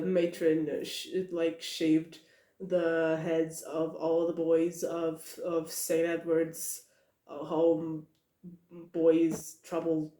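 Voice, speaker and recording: A low-pitched young woman discusses a book on her podcast in reverberant surroundings. The monologue is relaxed and rambling, broken up by giggles, many "uh"s, restarted thoughts and excited side remarks.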